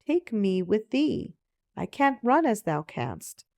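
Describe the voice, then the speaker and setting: Woman reading as a slow, pleading storybook frog. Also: medium pitch, very animated, warm tone, no echo, clean studio sound. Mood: urgent pleading. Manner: archaic, deliberate speech. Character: pleading, bargaining male frog in a fairy tale. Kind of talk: storybook read-aloud.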